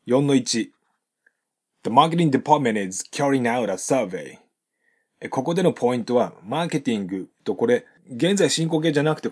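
A man who speaks Japanese as his first language teaches English pronunciation in Japanese, calmly and step by step, and slows down for his model phrases. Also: medium pitch, breathy edge. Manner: calm, methodical, with slowed model phrases.

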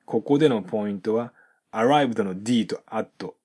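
A man with a fairly low, slightly mellow, husky voice teaches English pronunciation from a textbook. He reads example sentences slowly and explains how the sounds link together.

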